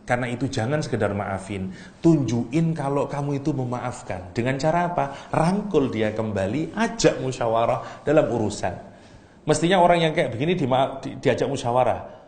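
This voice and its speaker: A man giving a lively, teasing religious lecture and reciting Arabic verses. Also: medium pitch, normal speed. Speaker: Islamic preacher. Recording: echoey hall, faint room noise.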